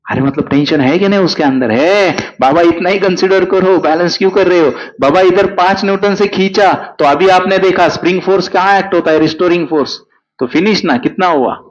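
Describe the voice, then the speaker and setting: A man's voice: sits high, a little fast, muffled recording. A male physics teacher, coaxing students through exam problems with constant questions. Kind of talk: exam crash-course lecture.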